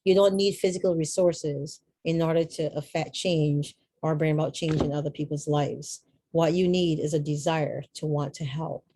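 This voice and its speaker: A woman's voice: sits low, fairly even intonation, normal speed, mellow, no room sound. Woman, middle-aged, inspirational talk, earnest, reflective, dry close sound. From Barbados. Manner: earnest, reflective, chatty with frequent asides. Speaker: motivational speaker.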